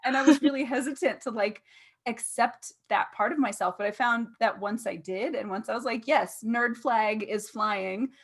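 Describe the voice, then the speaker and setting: Woman in her thirties, interview host, fairly high voice, chatty and laughing. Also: moderate pace, slightly rough. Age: 30s. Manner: chatty, laughing, uses "like" often. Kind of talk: casual interview chat.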